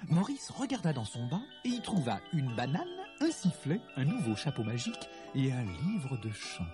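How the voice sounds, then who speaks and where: A man narrating a children's Christmas story in an expressive, storytelling manner. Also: medium pitch, moderate pace, music in the background.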